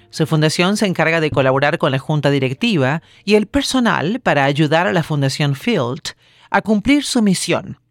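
A woman host reading a formal podcast introduction and questions in a measured voice-over. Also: sits low, no echo, studio quality. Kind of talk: scripted Spanish voice-over of host.

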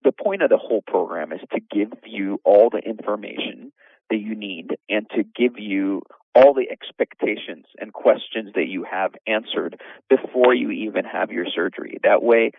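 A man's voice: lowish voice, gravelly, slightly rough, no echo, phone-quality sound. A man, an orthopedic surgeon, explaining things in a podcast interview with many fillers and restarts.

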